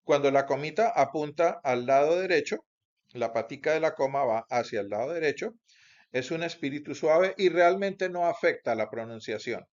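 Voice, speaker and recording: A man teaching Bible Greek in a recorded lecture, explaining slowly and deliberately with pauses and self-corrections. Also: fairly high pitch, lively intonation. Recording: dull lo-fi recording.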